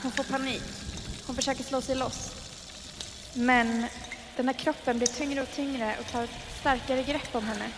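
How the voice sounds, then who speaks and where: A woman's voice: high-pitched, fairly even intonation, big-room sound, background noise. A woman improvising a horror story, narrating with suspense and building tension.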